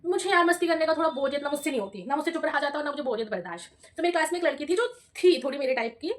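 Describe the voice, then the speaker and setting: Fast, high-voiced young woman vlogger. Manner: chatty, animated, addresses viewers as "bhai". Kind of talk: casual storytelling vlog.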